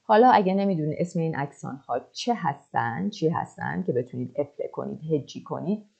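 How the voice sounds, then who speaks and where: A woman teaching a French lesson online, drilling verb forms slowly and explaining quickly between them. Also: deep voice, lively intonation, creaky, darkish tone, slightly rough, muffled recording. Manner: slow deliberate French drills, quick asides.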